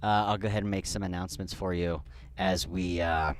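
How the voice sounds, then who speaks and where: A man's voice: low-pitched, fairly even intonation, brisk. A man streaming a game live, chatting casually and rambling, with a slightly dry throat. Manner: chatty, rambling, many restarts.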